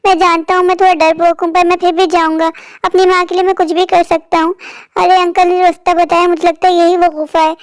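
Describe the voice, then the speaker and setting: A woman's voice: extremely high pitch, little pitch movement, a little fast, no echo. A woman voicing a timid, devoted young boy in a cartoon, speaking earnestly and pleadingly. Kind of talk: cartoon voice acting.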